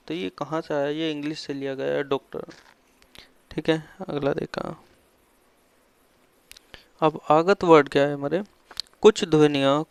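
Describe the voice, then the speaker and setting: A man's voice: fairly high pitch, creaky, smooth, dry recording. A man teaching a lesson, asking questions and answering them himself, with frequent fillers and drilled repetition of key terms. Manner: repeats and stresses key terms like a classroom drill. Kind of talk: explaining a lesson on Hindi vowel endings.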